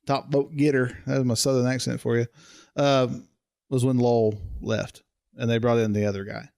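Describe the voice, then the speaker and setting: A man with a medium-pitched voice co-hosts a casual podcast chat. He talks haltingly, often pausing and restarting his sentences. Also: fairly even intonation, creaky, a little mellow. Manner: hesitant, many fillers and restarts. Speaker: podcast co-host. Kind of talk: casual chat about TV shows.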